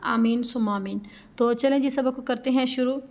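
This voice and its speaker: A woman's voice: on the high side, fairly even intonation, normal speed, a little mellow. A woman Quran teacher with a Pakistani Urdu accent, giving a patient step-by-step recitation lesson that spells out sounds syllable by syllable and poses questions to her students.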